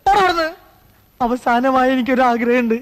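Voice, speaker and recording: A man's voice: very high voice, fairly quick. An actor playing a starving, self-pitying man who whines melodramatically in a film comedy. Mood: whining, dramatic. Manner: whining, melodramatic. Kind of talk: Malayalam film comedy acting. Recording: echoing hall-like reverb.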